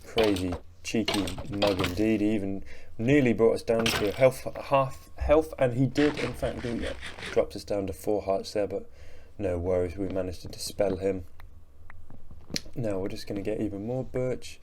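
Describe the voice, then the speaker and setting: A man's voice: fairly low pitch, moderate pace, background noise. A young man talking through his gameplay in a sleepy, rambling, self-mocking way, yawning between remarks. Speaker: gaming channel host. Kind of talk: relaxed gameplay commentary voice-over.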